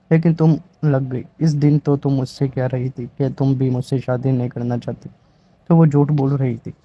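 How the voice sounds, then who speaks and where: A man's voice: mid-range voice, muffled recording, close to an everyday voice. A man reading the lines of an angry, stubborn young husband in a storybook reading, harsh and threatening.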